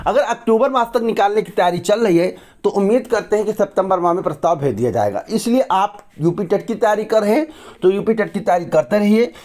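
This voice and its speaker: A man with a noticeably high voice hosts an exam news channel and talks straight to his audience. He argues his points emphatically and keeps asking rhetorical questions. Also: expressive, a little fast, a little mellow. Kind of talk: direct-to-camera news commentary.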